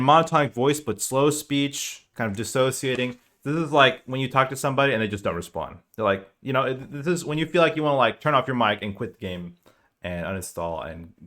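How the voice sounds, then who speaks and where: A man giving a casual spoken lecture as a team coach, explaining in a conversational, animated way. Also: mid-range voice.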